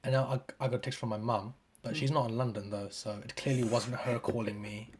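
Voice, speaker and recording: A man's voice: mid-range voice, fairly even intonation, a little fast. A man chatting casually as a podcast guest, laid-back, swearing freely and trailing off. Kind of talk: casual chat.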